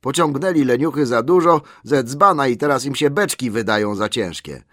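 A man's voice: medium pitch, lively intonation, normal speed, fairly bright tone, no room sound, clean studio sound, voice pushed up. A man voicing a grumpy, drowsy old male elf butler in an audiobook, grumbling and scolding.

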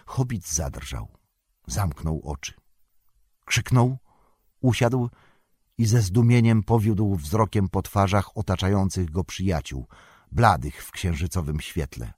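A man reads an audiobook in a measured, even way. His voice is low and his pace is very slow. The recording is dry and close, with no room echo. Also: husky. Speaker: narrator. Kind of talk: audiobook narration.

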